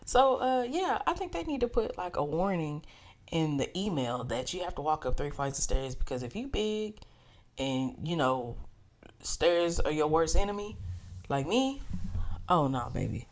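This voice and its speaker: A woman's voice: sits low, big pitch swings, moderate pace. A woman vlogger telling a casual, profane story, talking straight to her listeners and acting out what people said. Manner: profane, chatty, addresses listeners as y'all; acts out quoted dialogue.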